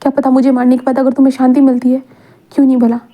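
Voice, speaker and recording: A woman's voice: sits high, monotone, racing, mellow. A woman voicing a desperate young man who stammers and pleads to be killed. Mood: pleading. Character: desperate young man offering his life. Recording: tinny phone-like audio.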